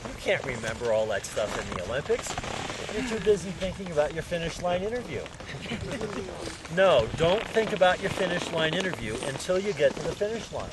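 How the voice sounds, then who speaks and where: Male ski instructor, slightly high voice, folksy and jokey, projecting to a group; clear outdoor noise behind. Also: very animated, moderate pace. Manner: folksy, joking. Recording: outdoor ambient noise, shifting distance.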